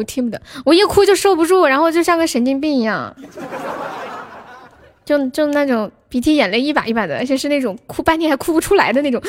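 A woman's voice: high voice, slight background noise. A young woman hosting a casual livestream, chatting with viewers, laughing often and reading out their names. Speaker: livestream host.

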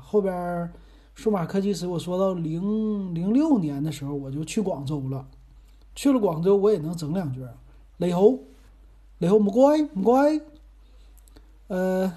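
A podcast host with a Northeastern Mandarin accent talks in a loose, meandering way and pokes fun at himself. His voice is soft and dark in tone, with a slightly husky grain. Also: high-pitched. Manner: chatty, rambling, self-deprecating. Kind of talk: casual monologue.

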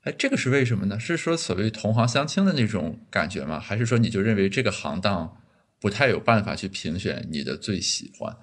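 Quick-talking low-voiced male host. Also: very animated. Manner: probing, curious follow-up questions. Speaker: podcast host. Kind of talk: casual podcast interview.

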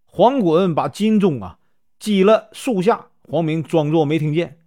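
A man with a Northeastern Mandarin accent telling a classic novel in a chatty, colloquial way, full of drawn-out fillers. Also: on the high side, mellow. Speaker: storyteller.

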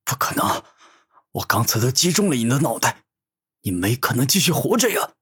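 A man voicing a proud, furious male villain cultivator who shouts in defiance, with a husky voice. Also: medium pitch, very animated, moderate pace, no room sound, clean studio sound, full character voice. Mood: shocked.

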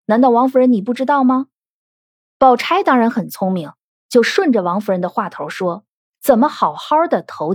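A woman's voice: fairly high pitch, husky, no echo, studio quality. A woman giving podcast commentary on a classic novel, analytical and full of rhetorical questions. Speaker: literature commentator.

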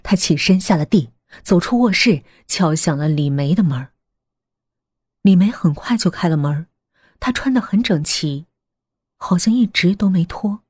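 A woman reading a suspense story aloud, measured and hushed, sometimes dropping almost to a whisper. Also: on the low side, lively intonation, breathy edge, no room sound, clean studio sound. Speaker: narrator. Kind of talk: scripted audiobook narration.

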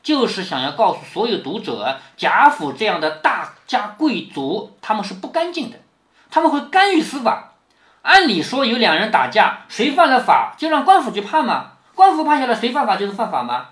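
A man's voice: high-pitched, normal speed. A man reading a classic novel to his daughter and explaining it, often checking with questions as he goes. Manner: keeps checking with rhetorical questions; lively, acts out quoted lines. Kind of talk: explanatory storytelling lesson. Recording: roomy echo.

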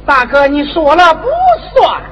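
An actress playing a pompous, bookish grown child who declaims proverbs, in Henan opera stage acting. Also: female voice, high voice, unhurried, dull audio, a little hiss or hum. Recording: loud audience around the stage.

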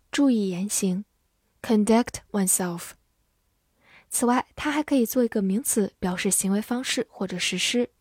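A woman giving a scripted vocabulary lesson, spelling out letters and repeating each word slowly. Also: medium pitch, a little mellow, husky, dry recording, clean studio sound. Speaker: English teacher.

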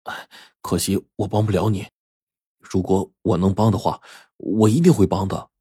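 A man's voice: low voice, steady tone, warm tone, husky, no room sound, studio quality. A man doing an eager, loyal young opera player. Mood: regretful. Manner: eager, quick.

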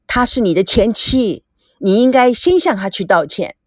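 A woman voicing an easygoing younger brother who talks in a lowered, casual, wry way. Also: expressive, moderate pace, no echo, clean studio sound, natural voice.

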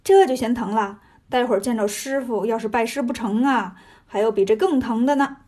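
A cocky male monkey king who mocks his foes and brags about his feats, played by a woman reading a storybook. His voice sits high and husky, quick with jokes. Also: mellow, lightly acted. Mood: teasing. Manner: teasing, swaggering.

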